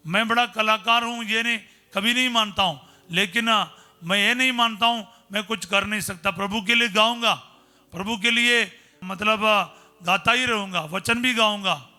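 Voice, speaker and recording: Middle-aged priest preaching in hindi, high piercing voice, soft music behind. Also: male voice, normal speed. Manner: storytelling preacher, simple conversational Hindi, exclaims hallelujah. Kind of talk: sermon with personal stories.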